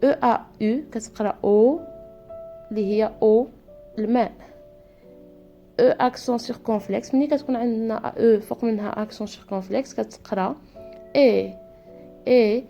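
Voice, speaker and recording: A woman with a Moroccan Arabic accent giving a patient language lesson, repeating each word slowly. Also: a little high, creaky, warm tone, muffled recording, faint music behind. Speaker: French teacher.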